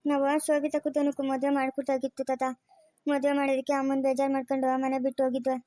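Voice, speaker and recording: A woman's voice: sits high, monotone, fast, mellow, no echo, studio quality. A woman with a rural Chikkaballapur Kannada accent, playing a distressed daughter pleading with her grandfather. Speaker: daughter in a family drama. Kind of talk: village web-series acting.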